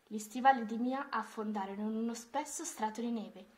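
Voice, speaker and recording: Woman reading a kids' storybook, gentle and expressive, a bit high-pitched. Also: fairly quick.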